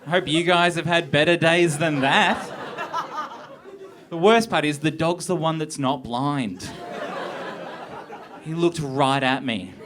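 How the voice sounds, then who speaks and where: A young man doing a stand-up set on a theatre stage, with a deadpan, awkward, self-deprecating delivery. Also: a little high, slow pace, long pauses. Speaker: stand-up comedian. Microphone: handheld stage mic. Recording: live theatre with crowd laughter. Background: audience laughter.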